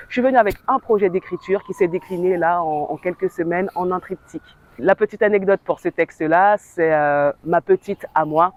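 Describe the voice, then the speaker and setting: A woman from French Guiana, an author and actress, telling her story in an interview in a reflective, animated way. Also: fairly low pitch, no echo, lo-fi sound. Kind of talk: interview testimonial.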